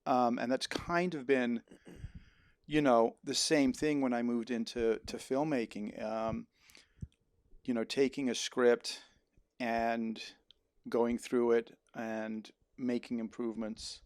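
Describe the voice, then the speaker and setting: Podcast guest: middle-aged man, medium pitch, reflective and self-effacing, dry studio sound. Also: steady tone, slow pace, smooth, no echo. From Netherlands. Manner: reflective and modest, with frequent ums. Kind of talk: casual conversation.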